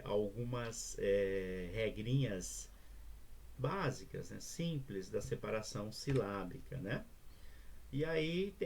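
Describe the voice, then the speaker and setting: A male teacher with a Brazilian Portuguese accent talks through a recorded lesson at a middle pitch. His voice is husky. He explains patiently, one step at a time, and keeps checking that the students follow. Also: darkish tone. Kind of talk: remote class lesson.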